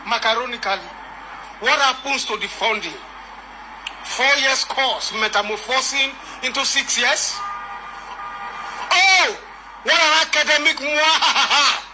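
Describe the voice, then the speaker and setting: An actor playing a pompous Nigerian professor in a comedy skit, ranting wildly and unhinged in absurdly grandiloquent language. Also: male voice, very high voice. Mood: indignant ranting. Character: pompous male professor spouting absurd bombastic big words. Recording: noisy replay off a screen.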